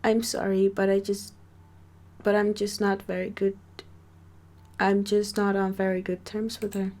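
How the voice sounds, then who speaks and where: A woman voicing a guarded, withdrawn young woman who speaks slowly and hesitantly in an amateur story reading. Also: mid-range voice, level tone, a little mellow, close to an everyday voice. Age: young adult.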